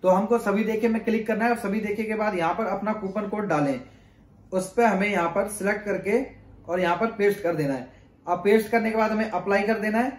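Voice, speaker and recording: A man's voice: sits high, reverberant. A young man talking to camera in a chatty tutorial, walking viewers step by step through a shopping app. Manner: chatty and explanatory, often says "friends". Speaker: YouTuber explaining a shopping app. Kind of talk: casual tutorial talk to camera. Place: indoors in front of a plain blue backdrop.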